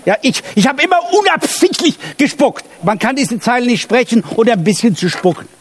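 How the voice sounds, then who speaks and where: An actor playing a needling, stubborn old comedian who keeps repeating himself. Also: male voice, very high voice, big pitch swings, a little fast, slight background noise. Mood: quarrelsome. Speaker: comedian partner. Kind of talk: film dub.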